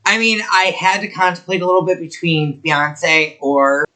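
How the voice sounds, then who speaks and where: A man's voice: on the high side, moderate pace, pushed and bright. A young man co-hosting a podcast, chatting casually and telling a story with lots of fillers. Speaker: podcast co-host. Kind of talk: casual chat.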